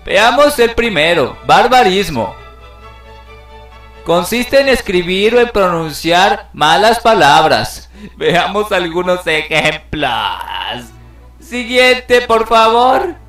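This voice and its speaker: A man narrates a lesson in a playful, theatrical style, exclaiming in mock outrage at mistakes. His voice sits high for a man. He sounds distant in an echoey room, with faint music underneath. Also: very animated, slow, fairly bright tone. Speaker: video narrator.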